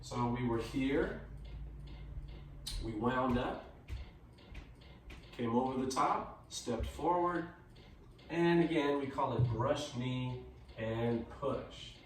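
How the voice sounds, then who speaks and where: A man giving calm, measured step-by-step movement cues as a tai chi instructor. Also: mid-range voice. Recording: echoey room, distant mic, faint noise.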